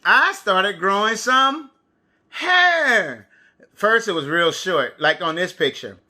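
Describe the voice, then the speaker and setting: Bright, high-pitched American man teaching small children, as if to a toddler. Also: lively intonation, takes it slowly. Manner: talks to small children as if reading to a toddler, with questions and repetition. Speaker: preschool and kindergarten teacher. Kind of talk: children's TV lesson, storytelling and counting.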